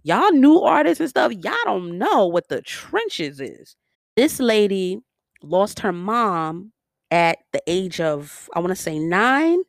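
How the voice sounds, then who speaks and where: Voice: mid-range voice, very animated, slow pace, creaky, no room sound, studio quality. A speaker with a New York accent giving casual, opinionated commentary with sassy, slangy asides. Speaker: vlogger reviewing a biopic series.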